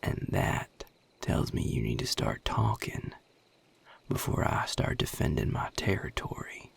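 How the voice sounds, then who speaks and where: A man addresses the listener in an audio roleplay as a guarded Southern vampire protecting his territory, whispering unhurriedly in an expressive, exaggerated way. Gravelly, husky and breathy, his low drawl is stern and wary, with a Southern US accent and curt, sardonic authority.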